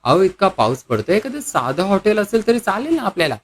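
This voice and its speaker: A man's voice: high-pitched, very animated, brisk, voice pushed up. A man voicing a headstrong young woman in a retold serial, pushy and pleading. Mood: urgent, pleading.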